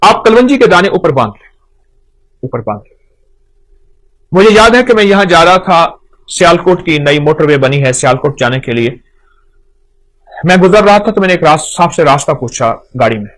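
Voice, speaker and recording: A man explains home remedies in an earnest, teaching tone. He speaks at a fairly high pitch and often repeats a phrase to drive the point home. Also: expressive, moderate pace, pauses often, fairly bright tone.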